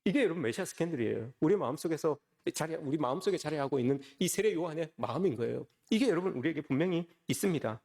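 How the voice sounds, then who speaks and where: Male pastor, sermon delivery, quick and lively, slightly high voice, keeps turning to the congregation with questions. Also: creaky. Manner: often addresses the congregation directly with rhetorical questions. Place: church service.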